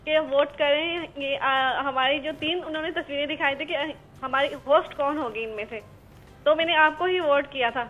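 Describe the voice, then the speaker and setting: Young female caller, high, soft and shy, dull lo-fi line with faint music. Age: young adult. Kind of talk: phone call. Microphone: phone line.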